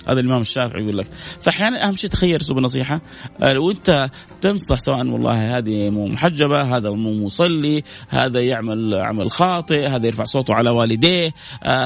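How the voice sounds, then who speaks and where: A middle-aged man with a Saudi accent hosting a religious advice talk show, animated and preachy, with mocking asides. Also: mid-range voice, creaky. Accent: Saudi Arabic. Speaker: host.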